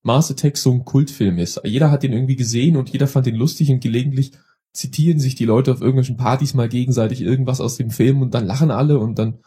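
A man chatting in a relaxed way on a podcast, his voice very dark and raspy. He talks in long, easygoing stretches. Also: mid-range voice, fast. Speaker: podcast co-host. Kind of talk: casual chat.

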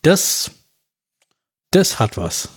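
A man's voice: drawn-out words, no room sound, clean studio sound. A man in casual film-review chat, rambling and slangy, trailing off mid-sentence. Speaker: film podcast co-host.

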